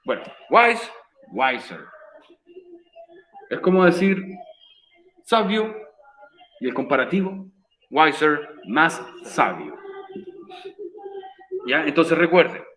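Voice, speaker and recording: A man's voice: on the high side, very animated, slow, pauses often, fairly bright tone. A man teaching an English class, patiently repeating the rules step by step. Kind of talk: recorded virtual class explanation.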